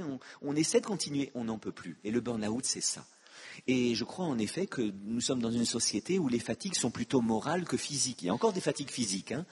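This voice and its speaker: Husky-voiced older man lecturing in a hall. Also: mid-range voice, darkish tone. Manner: witty, self-mocking asides to the audience. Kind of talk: public lecture. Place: conference hall. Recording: long hall reverb.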